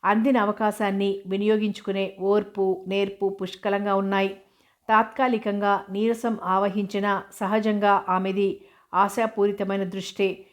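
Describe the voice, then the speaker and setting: A woman narrating a novel aloud, in a steady, unhurried way. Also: mid-range voice.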